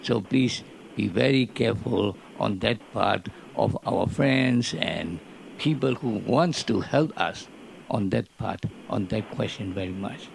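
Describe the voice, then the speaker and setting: A man's voice: lowish voice, unhurried, vocal fry, slight background noise. A man making an earnest, pleading comment from the audience about his country's military.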